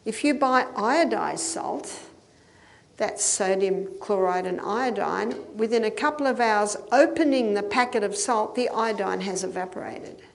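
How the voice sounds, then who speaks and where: A woman's voice: mid-range voice, unhurried, vocal fry. An older woman giving a health lecture to an audience, explaining step by step and checking in with listeners. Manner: explanatory, with occasional laughs and checking questions.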